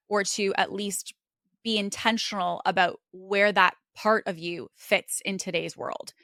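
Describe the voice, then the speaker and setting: A woman's voice: medium pitch, a bit bright, no room sound, studio quality. A woman hosting a podcast, speaking in an earnest, reflective monologue with a casual conversational flow. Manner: earnest, conversational, with frequent "like" and "you know". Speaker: podcast host.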